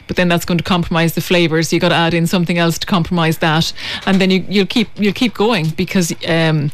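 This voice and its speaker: A woman, a guest on a radio show, explaining sourdough baking in a hesitant way with many pauses. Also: fairly low pitch, fairly even intonation. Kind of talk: casual studio chat. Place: radio studio.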